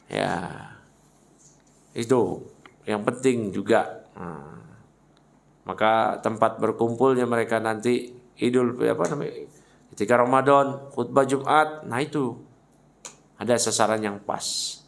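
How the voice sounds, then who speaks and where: A man's voice: mid-range voice, slow pace, vocal fry, long pauses. A man teaching a mosque study lecture in a conversational, teasing way. He addresses his listeners directly and mixes Arabic phrases into his speech. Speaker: Islamic religious teacher.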